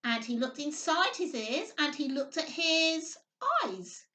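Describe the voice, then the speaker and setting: Speaking slowly in a high, pushed and bright voice with lively intonation, a nursery worker leads a children's storytime, reading and chatting simply and sing-song with lots of tag questions. A far-off microphone leaves a roomy echo.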